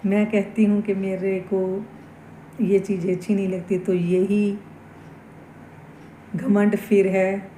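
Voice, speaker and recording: A woman shares reflective spiritual thoughts in an unhurried, earnest way. Her tone is mellow and fairly flat, without much lift. The room around her is echoey, with a faint hiss underneath. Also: medium pitch. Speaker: devotional vlogger. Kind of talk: casual spiritual talk.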